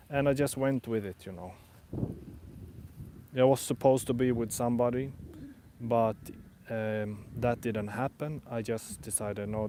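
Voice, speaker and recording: A man's voice: on the low side, darkish tone, slight background noise. A man who speaks English as a second language, thinking aloud in a casual vlog on an outdoor walk, rambling hesitantly and often rephrasing himself. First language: not English. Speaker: vlogger.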